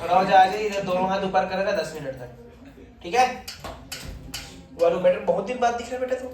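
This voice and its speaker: A man's voice: sits high, fast talker, soft background music. A man teaching physics to a class, quizzing and teasing his students as he goes. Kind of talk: classroom lecture. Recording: echoey classroom from far off, students murmuring.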